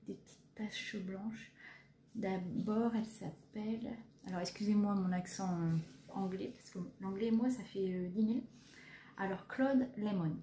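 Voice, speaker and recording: A woman in her thirties talks through her stitching projects in a rambling way, full of fillers and little jokes at her own expense. Her voice is mellow and soft in tone. The recording picks up an echoey room with a faint hiss behind her. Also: mid-range voice. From France. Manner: chatty, hesitant, many fillers, self-deprecating. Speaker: cross-stitch vlogger. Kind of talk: casual show-and-tell chat.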